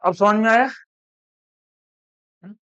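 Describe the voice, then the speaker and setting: A male teacher from India dictating words to a class one by one, repeating each slowly. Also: sits high, fairly bright tone, smooth, dry recording. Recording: dull, dry classroom recording.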